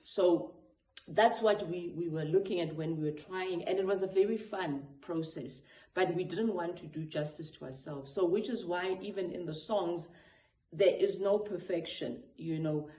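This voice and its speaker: A man's voice: sits high, moderate pace, dark tone. A South African gospel artist, a man, talking earnestly with many restarts and asides. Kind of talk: reflective talk to camera. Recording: echoey room with faint noise.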